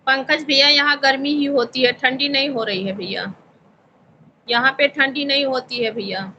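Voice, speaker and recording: Bright-voiced woman chatting on a live stream. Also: high-pitched, fairly even intonation, moderate pace, muffled recording, a little hiss or hum. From Uttar Pradesh, India. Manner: polite, calls everyone brother. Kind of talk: casual live chat reading viewer comments. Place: home in Visakhapatnam.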